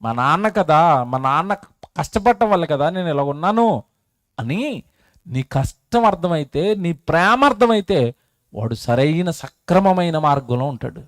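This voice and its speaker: Male preacher, high and dry, emotive rhetorical questions. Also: lively intonation, a little slow, no room sound. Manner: emotive, rhetorical questions to the crowd, swings loud and soft. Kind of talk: sermon at an outdoor public meeting. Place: public meeting.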